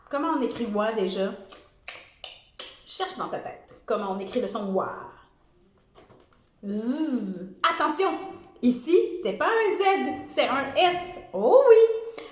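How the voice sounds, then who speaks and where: A woman teacher with a Québécois French accent leads a first-grade spelling dictation, sounding out each letter and syllable slowly. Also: high-pitched. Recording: echoey room.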